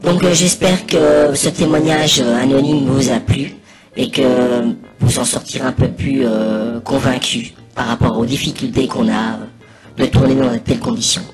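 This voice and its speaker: A man giving a casual, improvised mock commentary over video, rambling hesitantly and pausing mid-sentence. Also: medium pitch, little pitch movement. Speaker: narrator of a spoof anonymous behind-the-scenes testimony. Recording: voice over loud music. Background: loud music.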